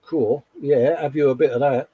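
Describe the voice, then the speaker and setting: A man with a close, dry sound and an everyday mid-pitched voice hosts a casual chat show. He reads out posts in a chummy, colloquial manner, dropping in "mate" and "innit" as he goes. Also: fairly even intonation, normal speed, breathy edge, no room sound, phone-quality sound. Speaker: co-host of a hobby live show.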